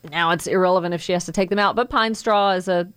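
A woman's voice: fairly low pitch, steady tone, fast talker, a bit bright, smooth, dry recording. A woman radio host with an informal, chatty way, announcing in the manner of a live contest promo from a studio, close on the mic. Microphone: close studio microphone.

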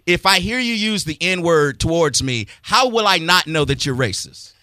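A man's voice: a little high, animated, normal speed, pushed and bright, no room sound. A male talk radio host pressing a caller with pointed questions, cutting in to steer the debate.

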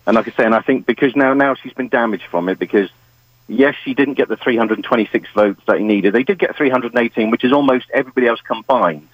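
A British man speaks on a crackly phone line that fades in and out, his voice muffled and lo-fi with a dry sound. He talks in a hesitant way, often restarting and leaning on "like I say". His voice sits at a middle pitch for a man. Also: fast, no echo. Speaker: caller. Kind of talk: phone-in chat. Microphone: phone handset.

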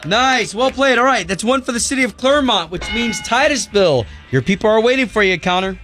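An American man hosting a morning radio show with excitable, lively banter. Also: high-pitched, brisk, soft background music. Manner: excitable, with whoops. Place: radio studio.

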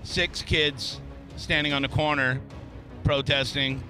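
A man's voice: mid-range voice, fairly even intonation, slow pace, pushed and bright, faint music behind. A man hosting a radio show, chatting and joking offhand with callers and his co-host. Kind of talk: morning radio banter. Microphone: studio microphone.

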